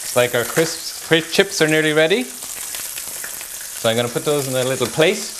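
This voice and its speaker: A man's voice: a little high, moderate pace, noisy background. Chef guy in his 30s walking you thru a recipe, pans sizzling in the kitchen. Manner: relaxed step-by-step instructions while cooking. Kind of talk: cooking demonstration. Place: home-style kitchen, indoors.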